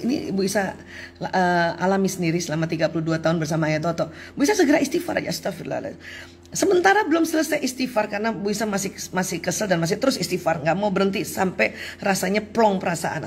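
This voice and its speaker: A woman's voice: mid-range voice, slight background noise. A woman in her fifties giving a religious parenting talk, telling stories with laughter and murmured prayers. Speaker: parenting speaker.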